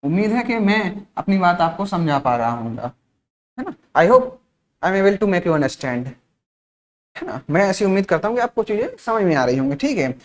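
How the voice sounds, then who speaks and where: A male teacher from India leads a spoken-English class. He drills each word slowly and repeats it, poses questions and answers them himself, and adds short check-ins throughout to keep students with him. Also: high voice, sing-song. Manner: repeats words slowly, asks and answers his own questions; frequent checking-in tag phrases.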